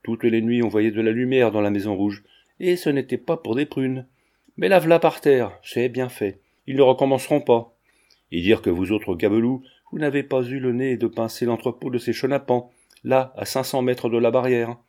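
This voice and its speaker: A man voicing a loud, indignant middle-aged tavern keeper in a storybook reading. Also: medium pitch, moderate pace, close to an everyday voice.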